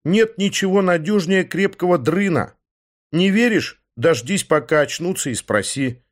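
A man's voice: high-pitched, animated, measured pace, voice pushed up. A man doing an indignant, cocky rescuer. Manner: indignant, sarcastic.

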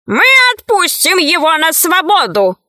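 A scheming male priest presides over a trial, wheedling one moment and commanding the next, voiced by a woman. His bright, raised voice moves a lot and takes its time, recorded close and dry. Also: extremely high pitch, big pitch swings, measured pace, dry recording, voice pushed up, heavily acted. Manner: commanding, sly.

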